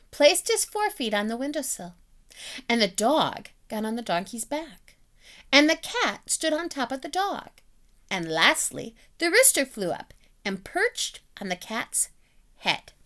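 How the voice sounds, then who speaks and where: A woman's voice: high voice, a bit bright. A woman reading a children's picture book aloud, as a teacher telling the story with voiced animal sounds.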